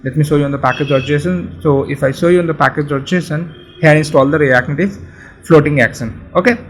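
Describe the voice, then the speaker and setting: Male coding tutor, somewhat high voice, loose and chatty delivery full of fillers and restarts. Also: quick pace, poor audio. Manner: casual, repetitive, many fillers and restarts. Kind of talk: screen-share coding tutorial.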